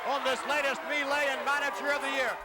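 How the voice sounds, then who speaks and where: A man giving energetic wrestling commentary. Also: very high-pitched, fast, heavy background noise. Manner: energetic announcing. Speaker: ring commentator. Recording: loud arena ambience behind the mic.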